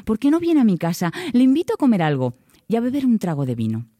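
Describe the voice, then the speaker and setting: A woman's voice: fairly high pitch, fast, dry recording, clean studio sound, voice pushed up. A woman doing a coaxing, clever mother. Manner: coaxing, flattering and lively. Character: clever, brave mother sweet-talking a stranger.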